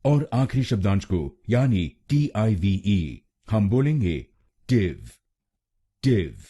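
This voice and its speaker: A man with an Indian accent teaches pronunciation in an unhurried, methodical way, repeating each syllable. His voice sits low and dark, with a husky edge. His pitch moves in wide, lively swings. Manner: slow, deliberate syllable-by-syllable drilling with repetitions. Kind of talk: scripted pronunciation lesson.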